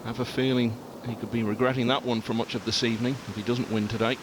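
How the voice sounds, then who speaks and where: A man's voice: medium pitch, little pitch movement, quick pace, noisy background. A man giving golf commentary as the lead voice, informative, setting out scores and player records.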